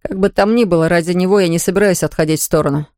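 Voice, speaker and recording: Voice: medium pitch, very fast, a little mellow, no echo, clean studio sound, lightly acted. A reader voicing an ardent young man who earnestly begs his sweetheart. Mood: imploring. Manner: earnest, imploring.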